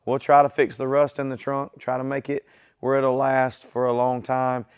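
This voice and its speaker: Speaking in a monotone at a moderate pace, a man with a mid-range, clear and resonant voice hosts his own garage channel from his home workshop. He talks to viewers in a plain, easygoing vlog style, his voice weak from illness.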